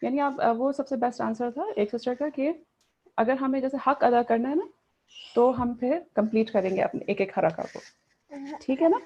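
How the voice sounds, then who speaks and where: A woman's voice: fairly high pitch, warm tone, highs cut off, a little hiss or hum. A woman teaching a recitation class online, mixing in English and asking her students questions. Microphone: video call.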